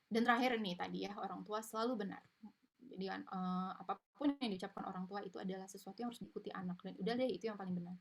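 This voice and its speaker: A woman's voice: medium pitch, steady tone, fast, creaky. A woman giving an informal online parenting lecture, chatty and explanatory, with frequent tag fillers, over a video call mic. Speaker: parenting webinar speaker.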